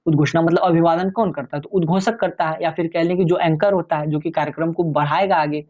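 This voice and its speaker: A man explaining exam topics in a relaxed, conversational lecture, addressing viewers as friends. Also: a little high, quick pace, lo-fi sound. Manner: chatty, many fillers and restarts. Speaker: exam tutor.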